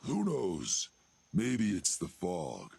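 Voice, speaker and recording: An actor playing a gravelly super mutant hermit who trains dogs, gruff, wary but civil, in a video game. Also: male voice, low voice, wildly swooping pitch, very slow, no echo, clean studio sound, heavily acted. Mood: calm, matter-of-fact. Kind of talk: video game character dialogue. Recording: game audio with loud music behind. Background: music.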